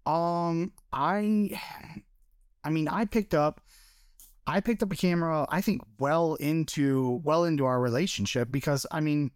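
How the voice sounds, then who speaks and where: Guy from michigan on a podcast, kinda high smooth voice, lots of ums and restarts, dry close mic. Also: unhurried, dry recording. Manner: hesitant, many fillers and restarts, laughs easily. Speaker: podcast guest, photographer. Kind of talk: casual interview chat.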